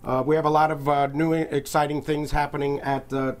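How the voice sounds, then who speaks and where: A middle-aged man, a restaurant chef, explaining a cooking demonstration step by step in a relaxed way with many fillers. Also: a little high, fairly quick. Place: TV studio kitchen by a sizzling stove.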